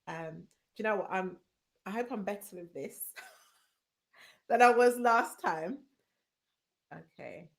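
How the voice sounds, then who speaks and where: A woman's voice: medium pitch, slow pace, vocal fry, pauses often. Lady hosting a live stream chat, upbeat, lots of ums. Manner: chatty, upbeat, many fillers. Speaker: host.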